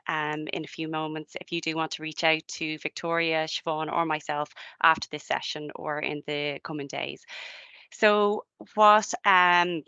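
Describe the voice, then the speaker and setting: A woman's voice: on the low side, bright, forceful tone, smooth, no room sound. A woman moderating a webinar Q and A over a video call, friendly and thanking with frequent ums. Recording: dull lo-fi webinar audio.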